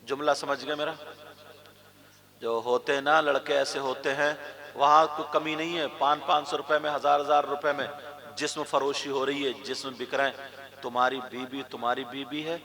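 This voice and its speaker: A male preacher from India giving a sermon, telling stories with jokes and stretching out shouted phrases for emphasis. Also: mid-range voice, little pitch movement. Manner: storytelling with jokes, then drawn-out shouted emphasis. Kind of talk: Urdu religious sermon to a crowd.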